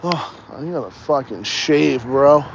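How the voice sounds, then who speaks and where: Taking his time, this young man speaks at medium pitch with a creaky quality, over lo-fi sound and a noisy background. Still animated and foul-mouthed, he meanders through his casual outdoor livestream as he walks, his slight Texas Southern accent showing.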